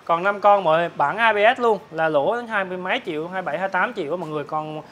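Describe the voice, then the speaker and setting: A man, a motorbike dealer, giving a hard-sell promotional sales pitch to viewers, repeatedly rattling off prices. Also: very fast, a bit bright. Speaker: motorbike dealer presenting his stock. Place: large open-sided metal-roofed motorbike warehouse.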